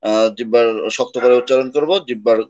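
A man's voice: mid-range voice, fairly even intonation, darkish tone. Man teaching Quran pronunciation, chanting syllables. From Bangladesh. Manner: explains articulation patiently, then chants drawn-out Arabic syllables. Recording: slightly dull lo-fi audio.

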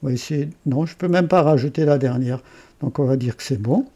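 A man with an Alsatian accent walking through a software tutorial, thinking aloud, correcting himself and adding chatty asides. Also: mid-range voice, a little fast. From Alsace. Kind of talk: screen-recorded software tutorial.

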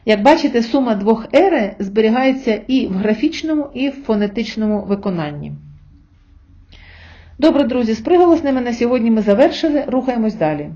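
A woman's voice: on the high side, sing-song, brisk, warm tone, highs cut off. A middle-aged woman giving an online language lesson, patiently spelling out sounds and examples for her viewers. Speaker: Spanish teacher.

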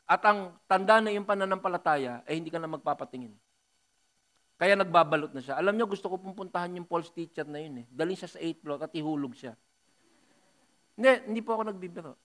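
Emphatic Filipino pastor preaching. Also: male voice, a little high, fast talker. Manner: emphatic, rising to loud bursts, joking asides. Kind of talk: Taglish sermon.

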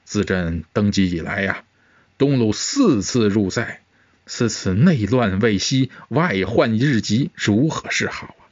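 A man reading a comic-book story voices a stern, anxious emperor who speaks low, slow and gravely. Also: animated, no room sound. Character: stern, anxious male emperor, middle-aged. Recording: dull, muffled sound.

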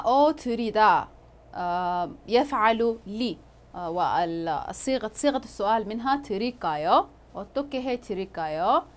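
A woman with a fairly high voice teaches a language lesson. She explains each word patiently and stops often on long fillers as she thinks.

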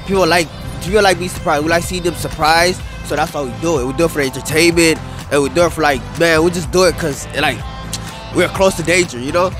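Fast but with a steady tone and fairly high pitch, this young man speaks casually in an outdoor interview on a grassy field overlooking a city skyline. A wheelie rider, he rambles in slang heavy on "bro" and "dude," talking into a handheld mic the interviewer holds as background music plays.

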